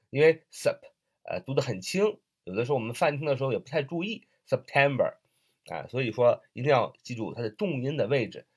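A man teaching English listening tips in a casual online lesson, spelling words letter by letter and repeating them slowly, with frequent "uh" and "ah" fillers. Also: medium pitch, husky.

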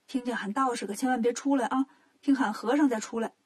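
A playful, cocky monkey king, as a woman reader puts him on for a children's storybook. His voice sits high and breathy, and he talks with easy, teasing confidence. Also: fast talker. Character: cheeky male monkey king, quick and playful.

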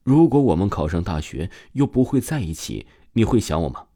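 A gentle teenage girl who asks her questions quietly and hesitantly, as a man reading the story gives her lines. The voice stays low, yet the delivery rises and falls freely. It sounds like a storybook reading rather than full acting. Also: big pitch swings, fairly quick, no room sound, studio quality. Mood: wistful.

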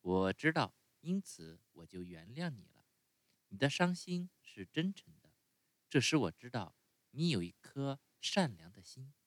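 A man voicing a gentle, motherly fairy woman in a calm, soft way of speaking. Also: mid-range voice, measured pace, no room sound, pitched above the performer's own voice.

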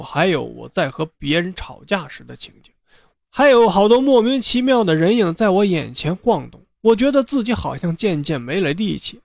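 A man narrating a ghost story in an unhurried, conversational way. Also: high-pitched, gravelly, dry recording, studio quality. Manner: unhurried, conversational telling with drawn-out particles.

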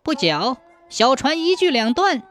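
A woman voicing a band of bullying male toll-gate soldiers who bark their demands fast in a raised, higher voice. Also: sing-song, faint music behind. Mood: menacing. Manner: barking, bullying, rapid.

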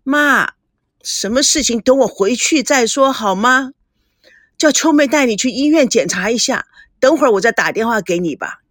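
A woman voicing a distraught young woman who pleads and shouts through tears. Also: a little high, expressive, normal speed, no room sound, clean studio sound. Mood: pleading. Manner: urgent, pleading then shouting.

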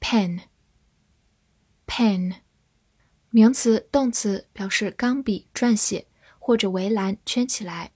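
Woman, vocabulary teacher, scripted lesson, breathy tone, unhurried. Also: mid-range voice, a little mellow. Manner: slow, carefully spelled-out pronunciation drills.

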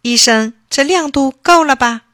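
A woman's voice: unhurried, full character voice. A woman voicing an eager little boy. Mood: excited. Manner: high, excited childlike calls. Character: young boy Edison, eager and quick-witted. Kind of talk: children's story narration.

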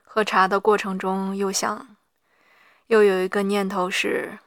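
Female diarist, gravelly and hoarse, very slow and reflective, pausing mid-thought, mid-pitched. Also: level tone, fairly bright tone, no echo, studio quality. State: hoarse after an hour of reading aloud. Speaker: solo audio diarist. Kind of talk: personal audio diary, reflective monologue.

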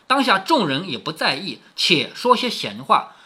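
A man's voice: high voice, moderate pace, slightly rough. A man retelling a classic novel as a storyteller, mixing the reading with chatty commentary and rhetorical questions to the listener. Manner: animated, shifts between reading and chatty explaining.

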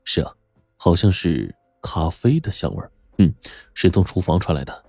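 A male storyteller voicing a calm gardener who speaks low and mildly. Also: moderate pace, husky, no room sound, soft background music, full character voice. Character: gardener, calm middle-aged man.

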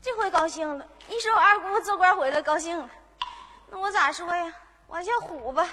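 A woman performs a mischievous young maid on a folk comedy stage. She speaks with a Northeastern Chinese accent in a very high, bright voice that swoops through rhyming jokes. A faint hiss sits under the recording. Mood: scheming. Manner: comic, rapid rhyming patter. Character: cheeky young maid, joking and teasing. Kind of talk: folk stage duet acting and sung patter.

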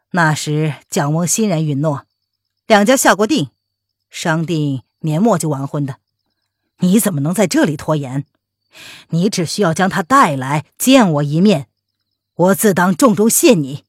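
A woman's voice: deep voice, dry recording, clean studio sound. A woman voicing an earnest young man who presses his claim urgently and stubbornly.

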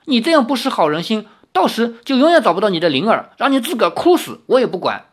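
A reader voicing a proud, sharp-tongued young swordswoman in an audiobook of a novel, mocking and quick to take offense. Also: mid-range voice, big pitch swings, slightly rough. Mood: indignant. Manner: quick-tempered, mocking and sulky. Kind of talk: audiobook reading.

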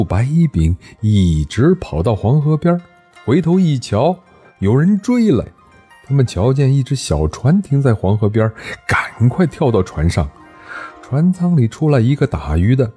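A man's voice: mid-range voice, mellow, slightly rough. A man telling an ancient history story, narrating with animation and voicing every character.

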